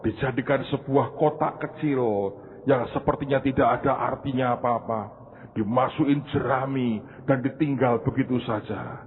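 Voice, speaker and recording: A man's voice: mid-range voice, steady tone, normal speed, husky, in a large hall, lightly acted. A man voicing a sorrowful, self-pitying young tree, lamenting in a tinny, phone-like recording.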